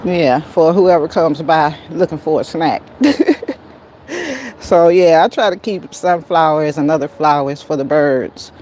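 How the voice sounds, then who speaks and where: She talks at a moderate pace with hardly any pauses, her low voice a little mellow, and there's a bit of hiss or hum. An American garden vlogger, she chats folksily on a livestream shot outdoors with a handheld phone, often muttering to herself and her plants.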